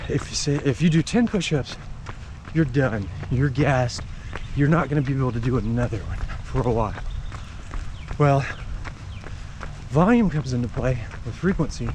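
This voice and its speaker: His medium-pitched voice is expressive and darkish, at normal speed, with slight background noise. A running vlogger out jogging in the rain, he explains things casually in brief, broken phrases.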